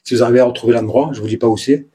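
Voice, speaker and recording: A man with a southern French Provençal accent, vlogging as he explores the ruins of an abandoned building. He talks excitably, repeats words and drops to hushed mutters. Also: medium pitch, rapid-fire, a little hiss or hum. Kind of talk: exploring and narrating to camera.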